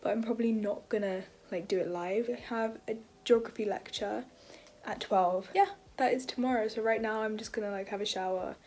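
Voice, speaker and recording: A woman's voice: medium pitch, fairly even intonation, a little fast, darkish tone. A young woman, a university student, narrating her week in a casual vlog, chatty and full of fillers. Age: young adult.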